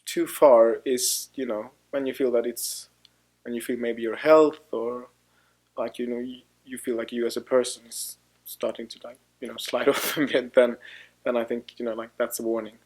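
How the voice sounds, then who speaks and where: A man in his thirties, a fashion designer speaking in a documentary interview, talking haltingly with many restarts and fillers. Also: medium pitch, little pitch movement, darkish tone, breathy edge, rough recording. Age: 30s.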